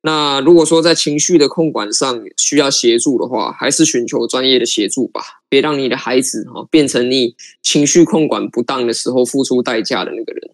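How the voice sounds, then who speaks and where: A man's voice: medium pitch, fairly quick, few pauses, no room sound. Emphatic Taiwanese man arguing a point. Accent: Taiwanese Mandarin. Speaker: podcast co-host. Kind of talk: casual podcast chat.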